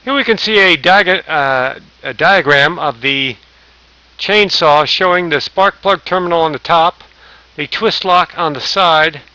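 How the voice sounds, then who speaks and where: A man's voice: fairly high pitch, unhurried, pushed and bright, no echo, rough recording. A man narrating a safety training slideshow, reading lists aloud with small slips and restarts. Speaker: safety instructor.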